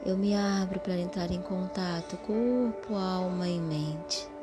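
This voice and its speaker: Slow soothing lady guiding a prayer meditation, hushed and kinda low, soft music behind. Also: fairly even intonation. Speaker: guided meditation leader.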